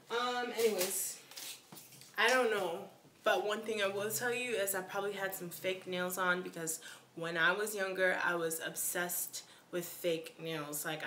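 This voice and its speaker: A woman's voice: lowish voice, fairly bright tone, echoey room, a little hiss or hum. A young woman chatting casually on a live stream, answering viewer questions in a slangy way with lots of "like".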